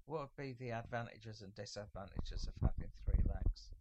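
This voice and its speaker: Deadpan man co-hosting a chat. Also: lowish voice, moderate pace, dull audio, background noise. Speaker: co-host. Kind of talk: casual chat.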